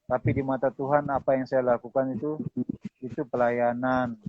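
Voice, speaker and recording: A man's voice: mid-range voice, little pitch movement, normal speed. A male pastor from Manado, Indonesia, giving a sermon with personal testimony and a closing prayer. He keeps calling his listeners "Saudara" and acts out the dialogue in his stories. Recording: dull muffled lo-fi sound.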